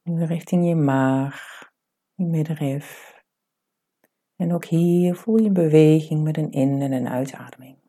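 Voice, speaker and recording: A woman leading a guided meditation in a soft, breathy voice, giving calm, soothing instructions with unhurried pauses. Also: low voice.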